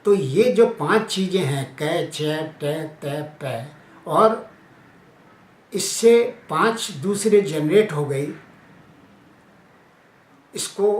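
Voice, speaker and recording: A man giving an informal spoken lesson, explaining ideas slowly and sounding out letters aloud one by one. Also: on the high side. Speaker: teacher explaining Hindi phonetics. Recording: echoey room with faint ambient noise.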